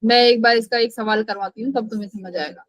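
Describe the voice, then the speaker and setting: A woman's voice: on the high side, steady tone, quick pace, dry recording, poor audio. A woman teaching a live online physics class, asking questions and answering them herself, and scolding students who skip class.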